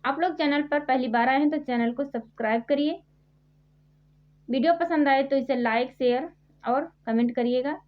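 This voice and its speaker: Woman tutor, high voice, slow and repetitive quiz delivery, dull lo-fi recording. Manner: repeats each question and answer slowly, spelling out sounds. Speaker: Hindi grammar teacher. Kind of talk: quiz-style exam prep lesson. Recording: dull lo-fi sound.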